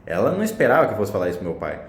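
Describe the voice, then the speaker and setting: Young guy ranting fast, blunt and slangy, lowish voice, echoey room. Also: wildly swooping pitch. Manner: blunt, slangy, swears a lot. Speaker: vlogger telling a personal story. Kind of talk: casual storytelling to camera. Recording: roomy echo.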